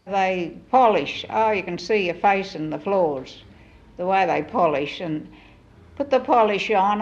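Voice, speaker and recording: A woman chatting exclaimingly about old household memories in an interview. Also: mid-range voice. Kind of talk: reminiscing interview. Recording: muffled tape with faint hiss.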